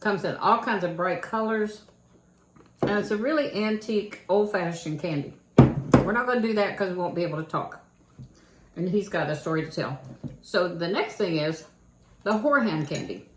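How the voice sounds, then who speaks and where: A woman's voice: on the low side, lively intonation, normal speed, pauses often. An older woman with a Kentucky accent, chatting in a folksy home vlog about her own childhood. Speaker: channel host. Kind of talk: casual home vlog chat. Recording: echoey room with faint noise.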